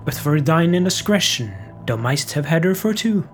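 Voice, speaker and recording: Man voicing old holy hermit, frail, wise, solemn, archaic speech, lively rising and falling pitch. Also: moderate pace, slight background noise, natural voice. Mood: solemn counsel. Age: older.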